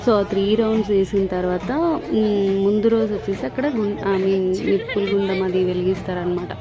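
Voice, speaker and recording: A woman's voice: mid-range voice, little pitch movement, brisk. Chatty woman vlogging over festival noise. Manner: chatty, mixes English words into her talk. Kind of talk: casual vlog narration. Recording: loud festival music and crowd behind. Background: festival crowd and loud music.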